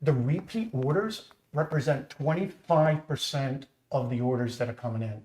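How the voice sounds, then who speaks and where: A man's voice: medium pitch, normal speed, darkish tone. Boston man telling a chatty story. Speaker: company founder hosting a live stream. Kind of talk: casual live-stream chat. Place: home kitchen. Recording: echoey room.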